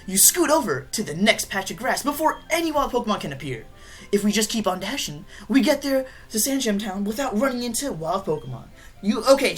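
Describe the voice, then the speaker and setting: A cocky, impatient boy rival in a video game, as a woman acts him out, talking fast, loud and eager. The voice is pitched a bit above her normal talk and swings around a lot, with faint game music underneath. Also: slightly rough, exaggerated voice. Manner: brash and excited.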